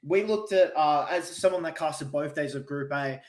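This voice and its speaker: Male esports caster, upbeat and talky, slightly high voice, roomy echo. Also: normal speed. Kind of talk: casual play-by-play desk chat.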